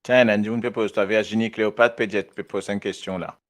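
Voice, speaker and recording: A man from Mauritius hosting a radio chat, hesitant and halting, laughing often. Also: lowish voice, steady tone.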